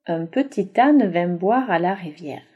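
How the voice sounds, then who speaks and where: Woman storyteller, slow and animated, mellow dark tone. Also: mid-range voice, slightly rough, muffled recording. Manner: slow, lively intonation. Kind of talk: storybook reading aloud.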